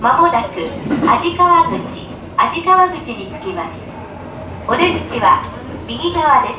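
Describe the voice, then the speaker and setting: High-pitched polite female train announcer. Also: big pitch swings. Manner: polite, formal train-announcer delivery with pauses between phrases. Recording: roomy, distant, loud train noise. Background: train running noise.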